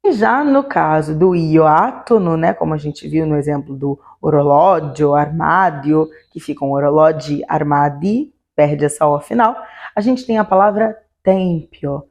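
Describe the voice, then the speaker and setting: Female language teacher, low gravelly mellow voice, patient explainer. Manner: explanatory, slows to spell out example words. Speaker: Italian teacher. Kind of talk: online grammar lesson.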